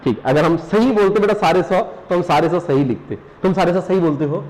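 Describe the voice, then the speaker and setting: A man's voice: sits high, moderate pace, a little mellow, rough recording. A man with a Pahari-tinged Hindi accent, a teacher giving a live exam revision class, repeating points, joking and quizzing students with questions. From Uttarakhand hills. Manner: calls students "beta", jokes and laughs while teaching.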